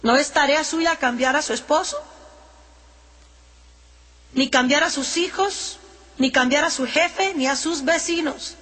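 High-voiced woman preaching in a reverberant hall. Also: a little slow, long pauses, fairly bright tone. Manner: earnest, reads scripture aloud between teaching. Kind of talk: sermon.

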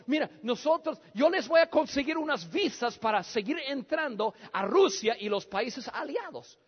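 A man voicing a huge, excitable Russian man who talks loudly and effusively, in a preacher's story. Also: extremely high pitch, normal speed, breathy edge, long reverb tail, muffled recording, heavily acted. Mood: eager.

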